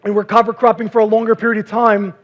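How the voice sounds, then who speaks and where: An American man with a high voice and little pitch movement presents his work as a visiting cover crop researcher at a conference, with slides. He calls himself a fast talker, speaks quickly and uses frequent fillers. The recording is dull, muffled and lo-fi.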